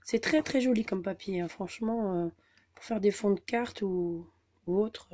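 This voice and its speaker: Chatty woman, mellow voice. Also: medium pitch, normal speed. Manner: chatty, hesitant, many fillers. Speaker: scrapbooking vlogger. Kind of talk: casual haul video.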